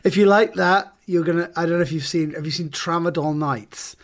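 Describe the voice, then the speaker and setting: A man co-hosting a casual podcast, chatting fast and laughing, then reading a story aloud. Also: a little high, a little hiss or hum. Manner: laughs often, quick and chatty.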